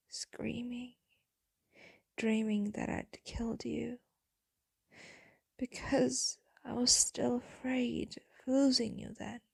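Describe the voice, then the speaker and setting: A female voice actor plays a devoted, sorrowful vampire woman murmuring to her lover in an intimate ASMR roleplay monologue. Her exaggerated, slightly high voice is very husky and breathy, shifting between whisper and gravelly fry, slow, hushed, and brooding, with a wistful, soft, tender mood. The sound is close and dry with no echo.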